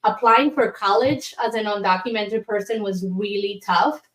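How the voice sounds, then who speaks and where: A woman's voice: medium pitch, steady tone, moderate pace, reverberant. A woman from Colombia, an immigration attorney, talking candidly as a guest in an interview with frequent fillers. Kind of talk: casual interview.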